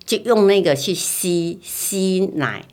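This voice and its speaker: A middle-aged mother recalls her child's infancy in a casual family chat, telling the story with animation, repeating words and acting out things she once said. Her lowish voice moves slowly, and there's a slight hiss or hum on the recording.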